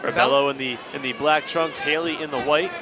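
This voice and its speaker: A man's voice: fairly high pitch, steady tone, fairly quick. A man calling a live fight as lead play-by-play commentator on a broadcast. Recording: broadcast over loud crowd noise. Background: loud arena crowd.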